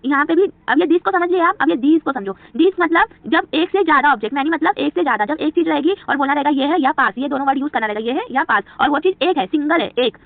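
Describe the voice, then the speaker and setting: Fast high-voiced woman teaching English. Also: dry recording. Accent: Hindi. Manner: repetitive quizzing, answers her own questions. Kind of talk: beginner spoken English lesson. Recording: tinny phone-like audio.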